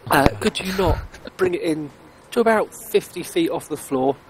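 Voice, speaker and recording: A man's voice: on the high side, expressive, normal speed, noisy background. A man in casual banter over voice chat, teasing his friends dryly and putting questions to them.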